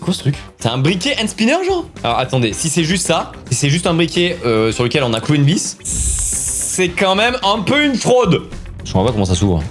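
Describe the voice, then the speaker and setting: A young man vlogging from a small studio, his high voice leaping wildly up and down as he jokes crudely and yelps at each new gadget. Soft music plays underneath. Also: huge pitch swings, normal speed. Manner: hyper, crude joking, yelping reactions. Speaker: YouTuber. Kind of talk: excitable product-testing vlog.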